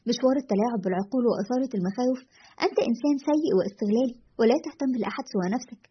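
A woman voicing an indignant woman radio producer who talks in a scornful, sharp manner. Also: a little high, racing, husky. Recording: dull lo-fi recording.

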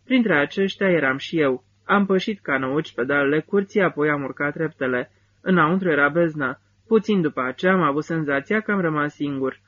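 A man reading a first-person literary novel as an audiobook narrator, with measured, steady phrasing. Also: fairly high pitch, muffled recording.

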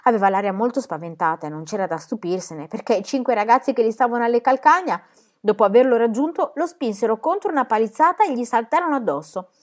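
A woman reading a children's book aloud with expressive storytelling. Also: a little high, fast talker. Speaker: reader.

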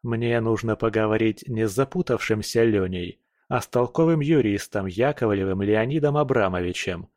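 A man's voice: on the low side, normal speed, hardly any pauses, darkish tone, no room sound, studio quality. A man narrating a first-person audiobook in a wry, blunt manner.

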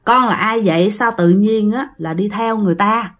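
Woman doing a gentle old exorcist. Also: medium pitch, normal speed, close to an everyday voice. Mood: calm. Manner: soft, gentle, patient questioning.

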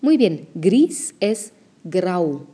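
A woman teaching an audio language lesson, explaining pronunciation slowly and carefully. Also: lowish voice, big pitch swings, mellow, husky.

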